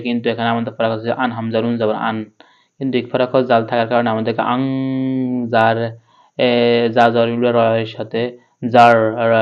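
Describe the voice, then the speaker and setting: Man teaching Quran reading, spelling slowly. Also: medium pitch, smooth, muffled recording. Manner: spells letter by letter, then chants verses slowly.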